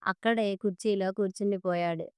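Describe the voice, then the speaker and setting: A woman storyteller reading a story in a steady, measured way. Her voice is exceptionally clear and stays fairly flat in pitch. The recording is dry and close, with no room sound. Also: no echo. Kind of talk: scripted story narration.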